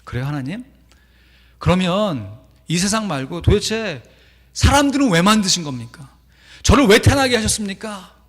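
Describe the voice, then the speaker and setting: A man's voice: sits high, lively intonation, a little slow, voice pushed up. A man voicing a desperate farmer-scientist who pleads and complains to God, raising his voice, with a long church reverb. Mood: pleading.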